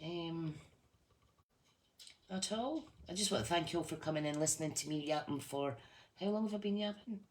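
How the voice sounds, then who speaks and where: A woman from the west of Scotland with a Fife accent chats informally with viewers live, calling them "guys," as a craft demonstrator and team leader. Her voice is low and a little mellow, at normal speed with long pauses. The recording is clearly from a noisy room.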